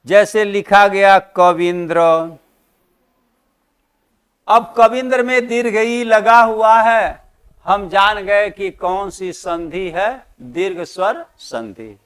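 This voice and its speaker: A male teacher giving an exam-prep lesson, asking the class questions and answering them himself, and repeating key terms slowly for emphasis. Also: high voice, fairly bright tone, clear, resonant tone.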